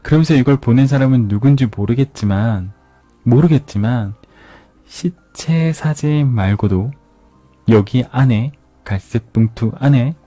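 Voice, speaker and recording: A man narrates a crime novel in a calm ASMR book-review style, repeating key phrases for emphasis. His voice is dark and mellow, recorded dry and close. Soft music plays faintly underneath. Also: mid-range voice, no echo. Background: soft background music.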